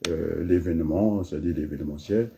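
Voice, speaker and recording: A man's voice: very deep voice, a little fast, gravelly, background noise. A man from the Republic of the Congo giving a freewheeling spoken address, rambling from one aside to the next with frequent restarts. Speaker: speaker.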